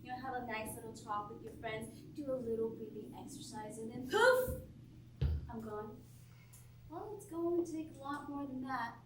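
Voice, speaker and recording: A woman on stage playing a mocking inner voice of dark thoughts, heard from far off in an echoey theatre. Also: a little high, moderate pace, background noise, close to an everyday voice. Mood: taunting. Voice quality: mocking, sneering. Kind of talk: stage play acting.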